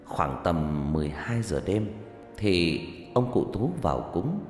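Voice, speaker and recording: A man narrating a first-person story in a lively, conversational way. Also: low voice, a little slow. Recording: echoey room with faint music.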